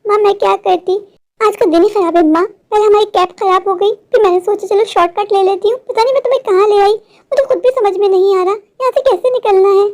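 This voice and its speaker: A woman's voice: very high voice, fast talker, a little mellow. A woman voicing a stubborn young office worker who pleads anxiously and is often close to tears. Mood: panicked. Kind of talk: storybook voice acting.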